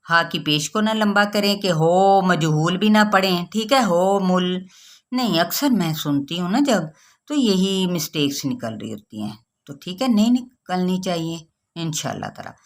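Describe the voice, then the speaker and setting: A woman teaching Quran recitation rules patiently, checking with her listeners and drawing out example words slowly. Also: on the low side, lively intonation. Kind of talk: tajweed lesson.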